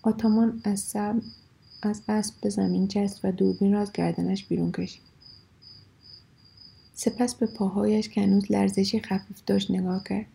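Woman narrator, scripted storytelling, gravelly, dark, flat delivery. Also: mid-range voice, rough recording.

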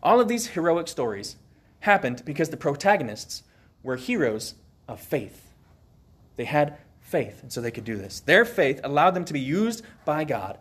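Male preacher, husky, lively delivery, scripture reading. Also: fairly high pitch. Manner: animated, reads scripture aloud with emphasis. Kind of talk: sermon.

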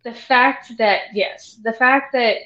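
A woman co-hosting a podcast, chatting about a movie in a relaxed way and often chiming in to agree. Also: fairly high pitch, slow, dull audio. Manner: relaxed, agreeable, chimes in with short affirmations. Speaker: podcast co-host. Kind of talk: casual movie discussion.

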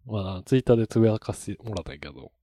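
Low-voiced podcast host who chuckles often. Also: male voice, expressive, racing, dark tone. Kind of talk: casual podcast chat.

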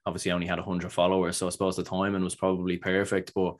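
Quick-talking host, low and even. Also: male voice. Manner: rambling questions full of "like" and restarts. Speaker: podcast host. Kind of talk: casual interview chat.

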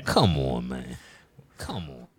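A man co-hosting a casual sports talk show, animated and emphatic, often repeating himself. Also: very deep voice, slow, no echo. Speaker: podcast co-host.

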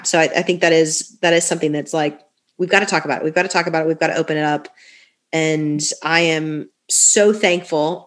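A young woman talking earnestly in a casual podcast conversation, leaning on "like" fillers and repeating phrases for emphasis. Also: sits low. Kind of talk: casual podcast talk about faith and healing.

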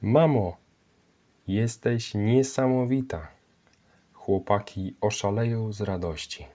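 A man's voice: fairly low pitch, lively intonation, unhurried, dark tone. A man reading as a brave young woman soldier. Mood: joyful. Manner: lightly voiced by the narrator. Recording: dull lo-fi recording.

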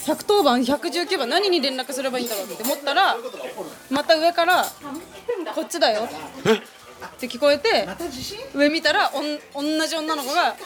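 A woman guest telling a spooky personal story in a casual, animated way, often laughing as she talks. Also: high-pitched, a little fast.

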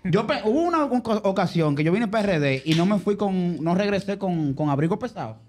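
Animated Dominican man telling stories. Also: sits high, brisk, slight background noise. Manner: animated storyteller, laughs often. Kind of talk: casual chat.

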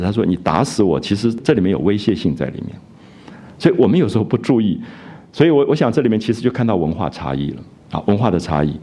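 An older man giving a conversational literature lecture, often adding a drawn-out "ah" and restarting phrases. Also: fairly low pitch, warm tone. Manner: conversational, frequent filler "啊" and restarts, quotes characters in raised voice.

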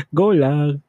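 A man co-hosting a casual podcast, with relaxed short replies, who keeps the chat moving. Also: fairly high pitch, breathy edge, no echo, clean studio sound. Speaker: podcast co-host.

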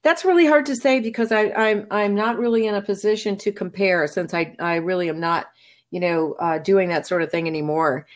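A middle-aged voice actor from New England, USA, answers questions in a relaxed conversational interview. Her mid-range voice is fairly quick. She's articulate but chatty, with many restarts and laughs.

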